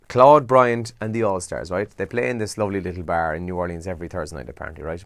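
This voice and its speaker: Irish guy from kerry doing the breakfast radio paper review, lowish voice, dry studio sound, chatty asides. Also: no room sound. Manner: chatty, relaxed, asides and rhetorical questions. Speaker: radio breakfast show host. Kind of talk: casual morning radio newspaper roundup.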